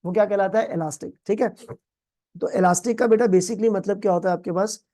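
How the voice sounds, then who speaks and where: Warm and mellow yet high, the voice of this Pakistani accounting tutor moves fairly quickly with fairly even intonation. He teaches a recorded exam-prep lecture, mixing English terms into playful everyday examples. He addresses students as "beta" and quizzes them call-and-response style, repeating what they answer.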